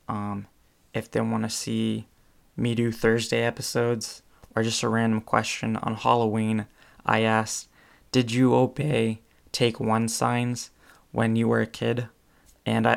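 A man's voice: mid-range voice, vocal fry. A young man hosting his own podcast, talking casually in a rambling way with lots of ums and restarts. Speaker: podcast host. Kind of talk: casual solo podcast monologue.

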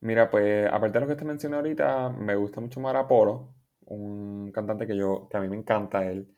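A young man from Puerto Rico with a Puerto Rican Spanish accent, a musician chatting in an interview, relaxed and rambling with English words mixed in. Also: lowish voice, brisk. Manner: relaxed, rambling, restarts often, laughs easily, mixes in English words. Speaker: musician guest. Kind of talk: casual interview chat.

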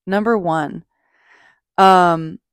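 A woman's voice: on the low side, steady tone, drawn-out words, no room sound, studio quality. A woman hosting a podcast, talking casually and off the cuff about self-help in a gushing, emphatic, sweary way. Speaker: podcast host. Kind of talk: casual spoken self-help talk, unscripted.

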